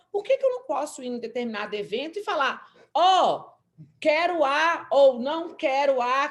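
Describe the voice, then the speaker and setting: A woman lawyer with a Brazilian accent, speaking as a guest on a panel and explaining with animated, acted-out examples. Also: fairly high pitch. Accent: Brazilian Portuguese. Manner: animated, explanatory, acts out quotes. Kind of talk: panel discussion.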